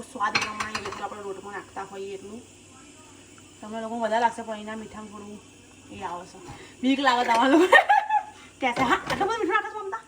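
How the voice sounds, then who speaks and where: With a fairly high-pitched voice and background noise behind her, a young Gujarati-accented woman chats casually in her family cooking vlog. She laughs often and refers to her viewers as "guys."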